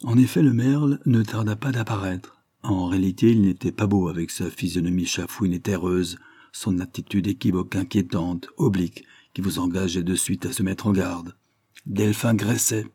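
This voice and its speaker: A man narrating an audiobook in a measured, literary reading style. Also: deep voice, fairly even intonation, mellow, slightly rough, dry recording. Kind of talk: scripted narration.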